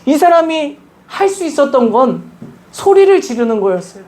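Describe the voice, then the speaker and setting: A woman's voice: high voice, big pitch swings, moderate pace, a little mellow. A woman pastor giving a sermon at a church service, earnestly telling stories and asking the congregation questions. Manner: addresses the congregation with repeated questions; earnest, emphatic storytelling. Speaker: guest pastor.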